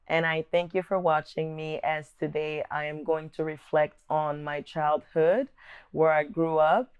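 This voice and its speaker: With a deep, clear and resonant voice, a young woman from the Democratic Republic of Congo shares personal reflections on her upbringing as a vlog host. Her manner is earnest, thoughtful and measured, with occasional restarts.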